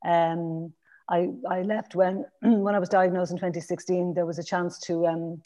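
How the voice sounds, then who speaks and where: With a dark, low-sided voice and flat delivery at a moderate pace, a Dublin-accented Irish woman in her fifties rambles through a casual podcast interview. She restarts often and leans on fillers.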